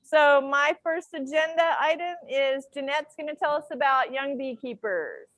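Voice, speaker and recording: A woman leading a club meeting and giving announcements in a loud, projected voice, picked up by a laptop microphone. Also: high-pitched, normal speed, no echo.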